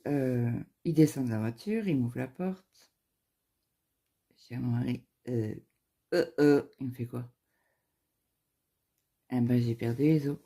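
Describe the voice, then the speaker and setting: A woman's voice: very deep voice, measured pace, long pauses, mellow. A young woman, a craft vlogger, casually telling a personal story and acting out the dialogue with lots of fillers and restarts. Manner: retells events through quoted dialogue, with frequent fillers and restarts.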